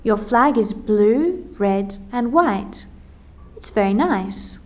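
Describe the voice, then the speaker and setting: Slow-speaking Australian woman in a lesson. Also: fairly high pitch, animated. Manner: slow, carefully articulated, as if for learners. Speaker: lesson presenter. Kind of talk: scripted language-lesson dialogue.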